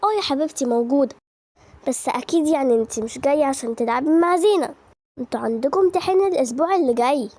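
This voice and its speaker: A woman voices a cartoon storybook mother, warm-spoken yet knowing, gently checking on the girls in an Egyptian voice. The sound is close and dry. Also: high-pitched, racing, no echo, lightly acted. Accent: Egyptian Arabic. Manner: affectionate, knowing. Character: kind but watchful mother.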